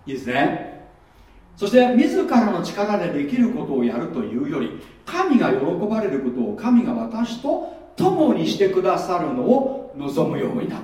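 A man's voice: sits high, huge pitch swings, normal speed, darkish tone. A man preaching a sermon as pastor in a conversational way, often asking the listeners rhetorical questions. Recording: very echoey room, voice from far off.

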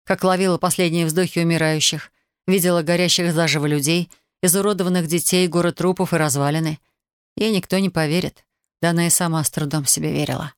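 A reader giving measured, scripted narration of a novel. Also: mid-range voice, steady tone, clear, resonant tone, no room sound, studio quality. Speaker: audiobook reader.

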